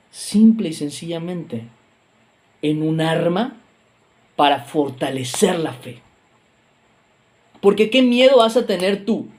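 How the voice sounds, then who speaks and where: A man's voice: fairly high pitch, darkish tone. A man preaching a video sermon in a conversational, emphatic way, with reflective asides and self-corrections.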